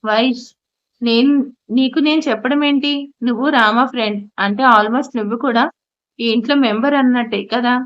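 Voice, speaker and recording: A woman voicing a fond, gentle middle-aged mother in an audio story, speaking affectionately. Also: a little high, moderate pace, natural voice. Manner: warm, affectionate. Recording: slightly muffled audio.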